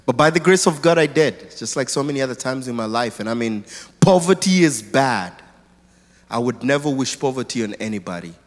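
A man's voice: medium pitch, animated, brisk. A man from Kenya, a guest speaker telling his life story earnestly and thoughtfully in church. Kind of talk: personal testimony in church. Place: large church auditorium. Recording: long hall reverb.

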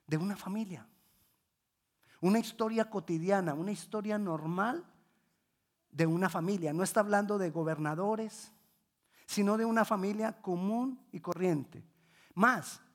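A Bible class teacher retelling a scripture story, repeating phrases for emphasis, correcting slips mid-sentence and quizzing the class. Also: mid-range voice. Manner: repetitive, emphatic teaching, asks the class questions.

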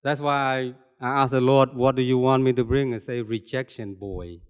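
An older man from Cambodia with a Cambodian accent, giving an earnest, halting testimony sermon as a lay preacher. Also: medium pitch, steady tone, clean tone. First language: Khmer. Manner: earnest, halting, plainspoken with repetitions. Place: church hall. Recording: long hall reverb.

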